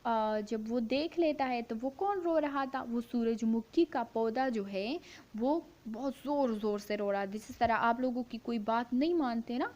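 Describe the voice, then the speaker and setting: A woman teaching young schoolchildren, reading a story aloud slowly line by line, repeating each line and then explaining it with questions she answers herself. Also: fairly high pitch, warm tone, dull audio. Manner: slow, syllable-by-syllable reading, repeating each line for pupils to follow; asks the class questions and answers them herself.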